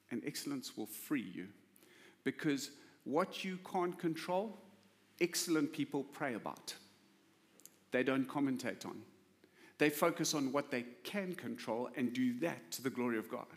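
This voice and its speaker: A man preaching a sermon as a pastor, in an emphatic, conversational way full of rhetorical questions. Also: mid-range voice. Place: church hall. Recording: preaching in a large reverberant hall.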